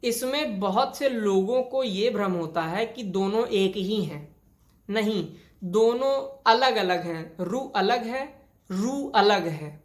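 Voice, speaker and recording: A woman's voice: mid-range voice, slow pace. A woman teaching a grammar lesson, explaining each rule step by step and repeating it with many examples. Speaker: Hindi teacher. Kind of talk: classroom lesson on spelling.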